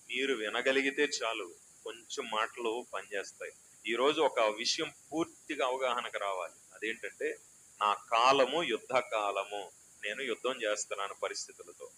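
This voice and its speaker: Man, pastor, sermon, bright forceful voice, loud calls then quiet asides, small church hall. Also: mid-range voice, a little hiss or hum. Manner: swings between loud exhortation and soft, chatty asides.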